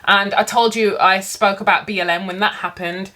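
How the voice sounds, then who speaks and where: A woman vlogger talks casually to camera over a meal. Her voice sits at an average pitch, and she tells stories in an animated way, sometimes speaking with food in her mouth. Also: moderate pace. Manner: animated storytelling, acting out quotes; talks while eating, mouth sometimes full. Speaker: English teacher. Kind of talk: casual mukbang chat to camera.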